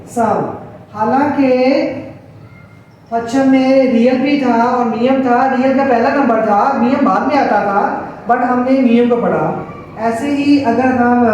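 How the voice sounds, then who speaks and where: A man's voice: very high-pitched, darkish tone, slight background noise. A man with a Pakistani Urdu accent, teaching Korean to students in a classroom lecture at the board. He explains each rule step by step and repeats it patiently. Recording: very echoey room, voice from a distance.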